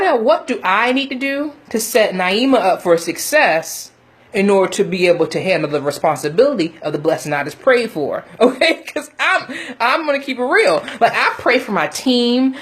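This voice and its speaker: A woman with a medium-pitched voice speaks casually as a motivational coach on a livestream. She is chatty and emphatic, talking directly to her listeners and often checking that they follow. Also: expressive, moderate pace, husky. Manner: chatty, emphatic, laughs often, punctuates with "okay?" and "you know".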